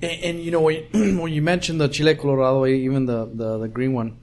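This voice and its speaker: A man's voice: a little high, little pitch movement, quick pace, a little mellow. A man interviewing restaurant owners in a casual, rambling way, with many restarts, in a small restaurant.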